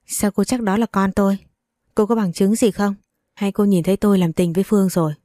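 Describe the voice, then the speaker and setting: A woman's voice: mid-range voice, steady tone, fairly quick, dark tone, no echo, studio quality, close to an everyday voice. A woman reading the part of a cold, dismissive young husband in a spoken story. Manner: curt and dismissive.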